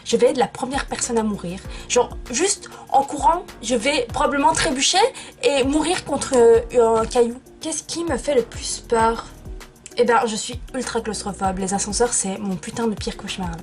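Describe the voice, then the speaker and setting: A woman's voice: fairly high pitch, moderate pace, music in the background. A young woman chatting casually in a vlog from her bedroom, playful and self-mocking. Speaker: YouTuber.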